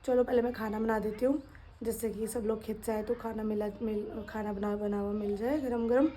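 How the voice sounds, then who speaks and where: A young woman talks casually to her vlog viewers from her home kitchen, keeping her voice soft and slow to rest a strained throat. Her voice sits fairly high, with faint noise in the background. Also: steady tone. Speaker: vlogger.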